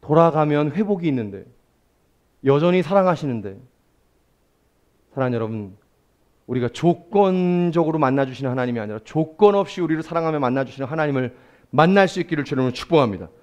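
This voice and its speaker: Animated male pastor preaching. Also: fairly high pitch, quick pace, highs cut off. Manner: swings from loud exclamations to hushed near-whispers. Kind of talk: sermon.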